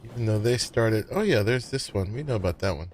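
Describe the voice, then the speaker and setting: A man's voice: lowish voice, lively intonation, a little fast, over music. A man giving casual, chatty gameplay commentary, musing aloud as he plays. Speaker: gamer commenting on own play.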